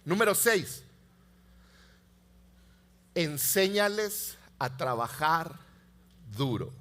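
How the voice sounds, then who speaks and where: Male pastor, 30s; high, bright voice; lively sermon delivery, loud to hushed. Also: very slow. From Mexico. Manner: animated storytelling, swings from loud to hushed.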